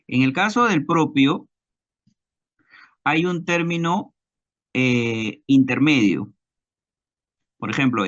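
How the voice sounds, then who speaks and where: A man with a Peruvian Spanish accent teaching a recorded class lecture, slow and deliberate, repeating examples and checking understanding with tag questions. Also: on the high side, a bit bright, dull audio.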